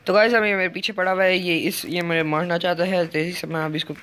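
Here the gaming YouTuber's voice is high-pitched, bright, clean and forceful, yet delivered flatly. He commentates his play urgently, firing off repeated words in quick succession.

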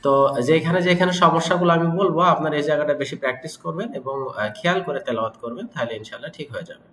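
A man from Bangladesh teaching Quran recitation, correcting mistakes and slowly drawing out each syllable as he demonstrates. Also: fairly high pitch, a bit bright. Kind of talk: tajweed lesson with recitation demos. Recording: echoey room.

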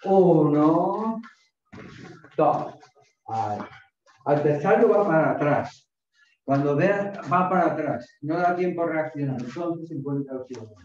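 The fairly high, darkish voice of a middle-aged man fills a small home dojo as he instructs karate, calling counts and drill commands like a gym coach. He's expressive but a little slow, with long pauses. Captured by a far camera on the mats' other side, the sound is distant, echoey, dull and faintly noisy.

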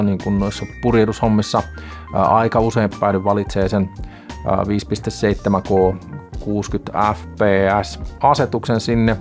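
A middle-aged man sits at his desk in a small home studio and talks gear to the camera. His voice sits low, and he moves along calmly, pausing often with soft fillers. Faint music plays underneath. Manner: calm, unhurried, frequent hesitant fillers. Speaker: sailing channel host. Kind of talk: camera review talk to camera.

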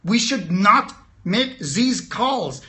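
Man doing a high, bossy German-accented amygdala, overprotective, stiff and alarmed, barking orders. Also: expressive, very slow, pushed and bright, full character voice. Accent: put-on German.

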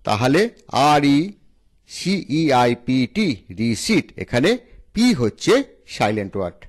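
A man's voice: mid-range voice, very animated, measured pace. A man with a Bengali accent hosts a pronunciation lesson, spelling English words letter by letter and then repeating the correct form. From India. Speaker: English teacher and channel host.

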